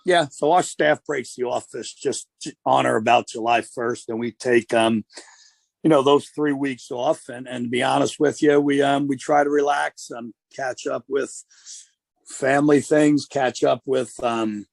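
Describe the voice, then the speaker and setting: Gravelly-voiced man, dry and measured. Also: mid-range voice, steady tone, no echo. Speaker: college football coach. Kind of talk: radio interview guest.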